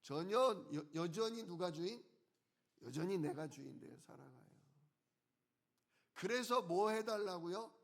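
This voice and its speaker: Preaching a sermon in a high, gravelly voice with lively intonation, a male pastor puts questions to the congregation and answers them himself. He slows down to stress key words.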